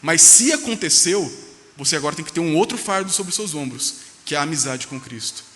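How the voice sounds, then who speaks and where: A man preaching, his voice slightly high and bright as he presses through the sermon at a rapid clip. He asks rhetorical questions and drives each point home with emphasis. His words ring out with a long reverb in a church hall. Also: expressive. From Brazil. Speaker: pastor. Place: church sanctuary.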